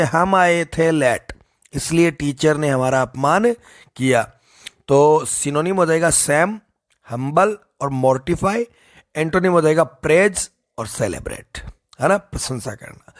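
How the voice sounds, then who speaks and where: A man teaching English vocabulary in a folksy way, repeating key phrases and slowing down to stress words. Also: on the high side. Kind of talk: explanatory lesson with memory tricks.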